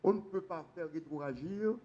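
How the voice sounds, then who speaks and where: On a law conference panel, a Haitian lawyer explains the constitution with emphasis, hitting his points with sharp upward jumps in pitch. His voice sits on the high side at a moderate pace, and the recording has its highs cut off.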